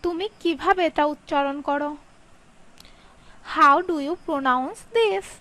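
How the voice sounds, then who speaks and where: A woman teaching English sentences, reading a Bengali line quickly and then saying each English sentence slowly twice. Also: sits high, pushed and bright, low-quality recording. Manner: slow, carefully spaced delivery, Bengali read quickly, English drawn out.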